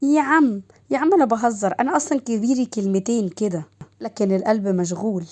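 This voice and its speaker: A woman's voice: medium pitch, fast, dark tone, natural voice. Woman voicing a brash joking Egyptian brother. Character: joking brother, loud and playful.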